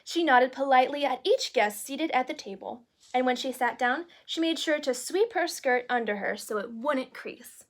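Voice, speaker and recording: The storyteller, voicing a princess, narrates a children's book animatedly at a normal speed with few pauses. Her voice sits high, and she adds little asides for young listeners.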